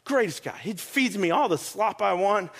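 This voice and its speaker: A man's voice: high voice, lively intonation, moderate pace, a bit bright, exaggerated voice. A pastor voicing a contented, boastful male pig in a barnyard joke during a sermon. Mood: smug, contented. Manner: boastful, easygoing.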